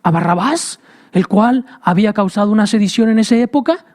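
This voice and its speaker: A man's voice: high voice, animated, brisk, darkish tone. A man preaching a sermon with passion, repeating phrases and speaking straight to the listener. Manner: impassioned, repetitive, addresses listener directly.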